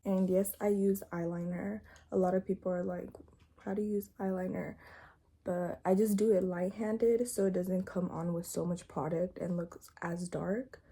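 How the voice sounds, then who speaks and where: A young woman chatting casually through a makeup tutorial at home, talking softly and sometimes in a whisper, with a groggy morning voice. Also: fairly low pitch, flat delivery, normal speed, few pauses, slightly rough. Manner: soft, hushed talk, sometimes slipping into a whisper. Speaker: beauty vlogger. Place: home, indoors. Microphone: phone front camera.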